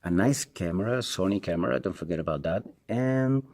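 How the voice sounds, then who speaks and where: A tech reviewer and video host, a man whose first language is Spanish, speaks with a Spanish accent in a low-pitched, expressive, darkish voice. His casual, unscripted product review is halting and hesitant, and he repeats himself.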